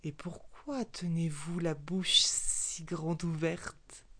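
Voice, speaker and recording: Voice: mid-range voice, fairly even intonation, slow pace, bright, forceful tone, heavily acted. A storyteller voicing a sly, short-tempered male snake who answers curtly and hisses in a storybook tale. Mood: irritated. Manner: hissing, curt, irritable. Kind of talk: storybook narration.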